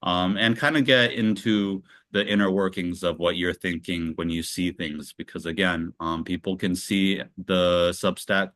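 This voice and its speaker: A man hosts a casual online interview in a very low voice. He talks loosely, full of fillers and restarts, and the recording is dry and close. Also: fairly bright tone, dry recording. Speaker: interview host.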